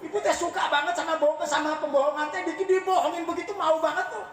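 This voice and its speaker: A man's voice: extremely high pitch, fairly even intonation, fast, a bit bright. A man preaching a humorous sermon, teasing his audience and often asking them whether he is right. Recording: echoey room, voice from far off the mic.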